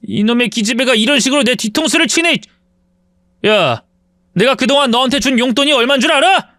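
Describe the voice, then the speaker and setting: A reader doing a pathetic blustering ex-husband. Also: male voice, very high voice, expressive, fairly quick, sharp tone, no echo, clean studio sound, voice pushed up, exaggerated voice. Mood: angry. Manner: gruff, pleading, blustering. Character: pathetic indebted ex-husband, whiny then blustering.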